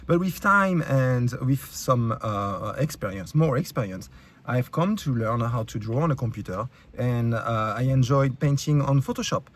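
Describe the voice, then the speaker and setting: A YouTube creator from France, speaking with a French accent, angrily rants to camera in a mid-range, animated voice at a moderate pace. He's blunt and heated, swearing often and filling his talk with fillers and restarts.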